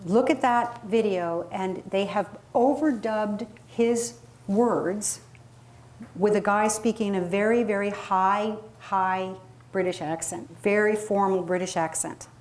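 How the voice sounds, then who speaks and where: Slow and darkish in tone, a medium-pitched woman guides an interactive public speaking workshop. She addresses her audience emphatically and conversationally, asking them questions, in a live room recording with clear background noise.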